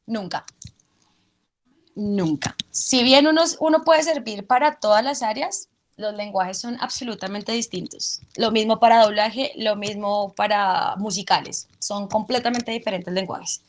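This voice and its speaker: Animated woman explaining voice work. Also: mid-range voice, measured pace. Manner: animated, explains with vocal demonstrations. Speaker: actress and drama teacher. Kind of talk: interview answers.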